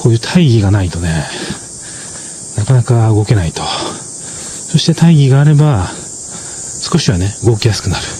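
A man with a low, mellow voice talks through a drama review in a relaxed explanatory way. He is measured and unhurried, and he often pauses on fillers and tag particles. There is a faint hiss behind him. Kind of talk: casual explanatory commentary.

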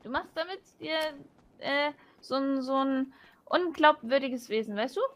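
A distrustful young homeless woman voiced by a woman who pouts and grumbles at every offer. Her voice sits high. Game roleplay banter. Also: expressive, a little slow. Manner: distrustful, pouty complaining.

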